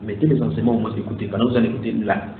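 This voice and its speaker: A man preaching a sermon in a church, animated and building to loud exhortation. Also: on the low side, very fast. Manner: animated, rising to loud exhortation, mimics cheering fans. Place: church hall. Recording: echoey room over a tinny phone-like line with faint noise.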